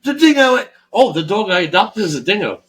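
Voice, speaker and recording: A man's voice: high voice, big pitch swings, brisk, a bit bright, poor audio. A man from Florida co-hosting a podcast, rambling through a casual chat in a heavily profane, restart-filled way. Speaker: podcast co-host.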